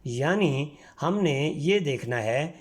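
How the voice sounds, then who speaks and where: His voice sits on the high side and moves with lively intonation. The speaker, a Pakistani man, guides students through textbook exercises in a language lesson, patiently sounding out each word.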